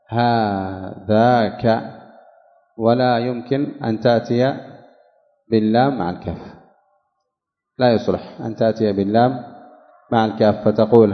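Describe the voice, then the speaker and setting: A man teaching a classical Arabic grammar lesson, slowly explaining a text and repeating key phrases and examples. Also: fairly low pitch. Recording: dull lo-fi sound with long hall reverb.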